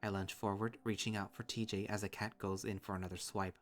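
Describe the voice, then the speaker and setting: A young man reading a visual novel aloud in first person, with steady, earnest storytelling. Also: lowish voice, a little fast, soft background music.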